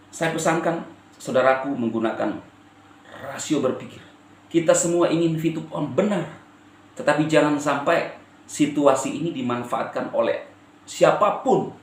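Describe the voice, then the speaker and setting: A man from eastern Indonesia addressing his viewers as a channel host, with a firm intonation that can sound stern even when he is calm. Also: mid-range voice, roomy sound. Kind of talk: direct-to-camera address to viewers.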